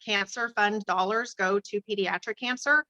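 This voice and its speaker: Speaking at a normal speed in a pushed, bright, mid-range voice, a middle-aged woman who teaches and advocates for charity shares a personal story as an interview guest. She is earnest and emotional, full of fillers and restarts, on a muffled recording with no echo.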